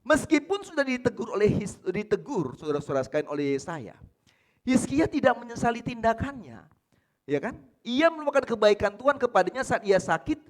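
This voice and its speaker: A man with an Indonesian accent preaching a church sermon, asking rhetorical questions and answering them, swinging from loud emphasis to near whispers. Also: very high voice. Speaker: pastor. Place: church service.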